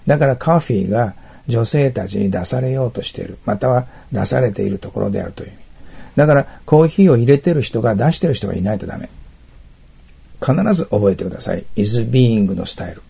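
A man teaching English in a test-prep lesson, explaining each answer step by step, often checking that listeners follow, and reading test sentences slowly. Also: mid-range voice, lively intonation, vocal fry, dark tone, husky.

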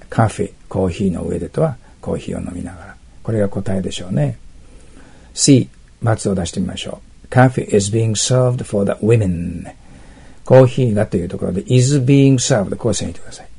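Man, English teacher, test-prep lesson, rough gravelly voice, very husky, explains step by step. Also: on the low side, mellow. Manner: explains step by step with frequent checking tags; reads English test sentences slowly.

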